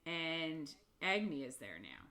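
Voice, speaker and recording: A woman's voice: deep voice, wildly swooping pitch, slow pace, pushed and bright. A woman co-hosting a casual book podcast, retelling chapters in a chatty way with frequent laughs and fillers. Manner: chatty, laughs often, lots of "like" and "um". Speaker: podcast co-host.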